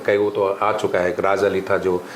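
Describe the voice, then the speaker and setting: A man's voice: sits low, moderate pace. A man, a spoken English teacher, talking emphatically in a podcast interview. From India. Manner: animated, emphatic teaching, mixes Hindi with English phrases and drills. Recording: echoey room with faint ambient noise.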